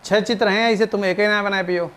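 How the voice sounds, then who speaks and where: A man's voice: sits high, steady tone, fairly quick, a bit bright. A man teaching a math class, repeating key points emphatically and coaxing students along. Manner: emphatic and repetitive, drilling students; coaxing, calls students "beta". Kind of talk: classroom lecture.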